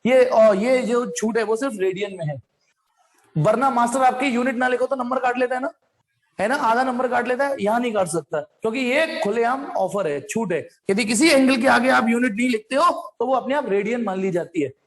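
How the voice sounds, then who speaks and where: High-voiced man teaching a physics class. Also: normal speed. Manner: addresses students directly, stops to ask them questions; repeats points over and over. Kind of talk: online class lecture.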